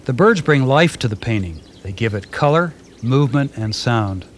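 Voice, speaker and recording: A man narrates in a calm, measured, gently descriptive way, his voice sitting at an ordinary middle pitch. It comes from a worn VHS tape copy with a faint hiss underneath. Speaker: narrator and host of a backyard birding video. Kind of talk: scripted documentary narration.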